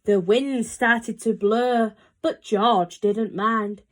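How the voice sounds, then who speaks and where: A woman reading a picture book aloud to young children in an animated, expressive way. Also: on the high side, very slow. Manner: animated, asks listeners questions. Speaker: storybook reader.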